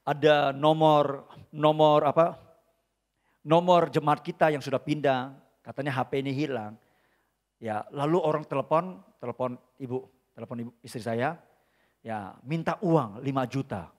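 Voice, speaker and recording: A male pastor preaching an emphatic sermon at a church service, swinging between loud bursts and quiet asides and calling out to the congregation often. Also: mid-range voice, moderate pace. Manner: addresses the congregation again and again as brothers and sisters.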